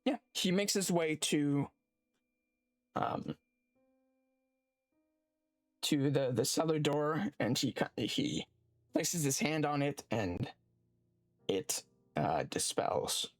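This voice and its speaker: A man's voice: fairly high pitch, expressive, no echo, faint music behind. A man running a tabletop game as game master, narrating with many fillers and restarts. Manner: halting, lots of fillers and restarts.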